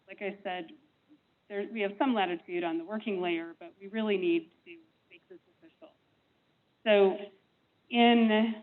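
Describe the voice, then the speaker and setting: A woman staff presenter explaining a plan to a meeting, speaking through a face mask, her voice cutting in and out. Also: medium pitch. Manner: measured, explanatory, frequent ums. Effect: voice cutting in and out over a thin remote line. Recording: tinny phone-like line, breaking up.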